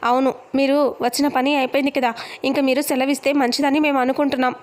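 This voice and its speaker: A woman's voice: high voice, level tone, quick pace, lightly acted. A woman voicing a stern young husband who protects his wife, reading his lines in a story recap. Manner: stern, scolding.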